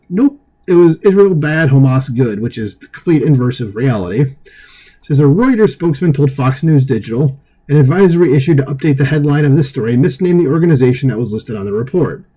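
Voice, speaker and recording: An online commentary host with a husky, warm, mid-range voice reads an article aloud. He drops in opinionated, dismissive asides as he goes.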